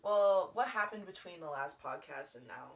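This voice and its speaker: A woman's voice: on the low side, lively intonation, normal speed, creaky. A woman co-hosting a podcast in casual, playful chat. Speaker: podcast co-host. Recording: distant from the mic.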